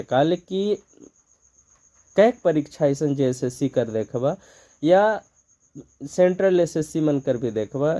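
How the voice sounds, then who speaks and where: A man's voice: fairly high pitch, warm tone, highs cut off. A man with a Nagpuri accent teaching an exam-prep grammar lesson, explaining step by step and asking and answering his own questions.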